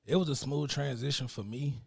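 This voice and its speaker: A man's voice: mid-range voice, a little fast, gravelly, a little mellow, husky, dry recording, studio quality. A young man from Mississippi, a guest rapper chatting casually in an interview, laid-back and slangy. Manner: laid-back, slangy, keeps saying "you know what I mean".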